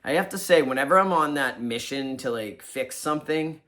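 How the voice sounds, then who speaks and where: A man with a bright, forward voice talks openly about his own habits, self-deprecating and a little rambling. His tone stays casual and reflective, and he leans on fillers as he thinks aloud. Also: medium pitch, lively intonation, moderate pace. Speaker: podcast co-host.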